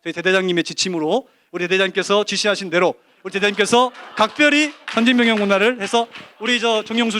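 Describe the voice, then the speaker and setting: A man giving a lively testimony at a church service, telling an animated story full of quoted dialogue. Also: high voice. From Korea.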